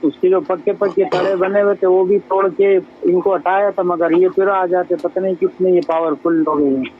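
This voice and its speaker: An aggrieved male caller with a Karachi Urdu accent phones in to complain at length about a problem. His voice is fairly high and comes through a tinny, narrow phone line. Faint hiss sits under it. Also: steady tone, normal speed. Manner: aggrieved, detailed.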